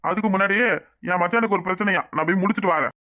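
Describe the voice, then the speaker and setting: A man's voice: high voice, very fast, pushed and bright. A man voicing a hot-headed loyal village youth. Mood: boastful. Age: 20s. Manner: defiant, boastful. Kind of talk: cartoon voice acting.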